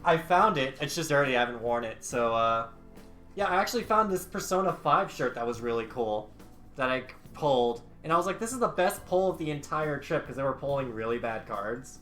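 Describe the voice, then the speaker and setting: Young male streamer, casual rambler, mid pitch, soft music underneath. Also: expressive, fairly quick. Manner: rambling storyteller with lots of fillers and swearing. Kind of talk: casual chat while streaming a game.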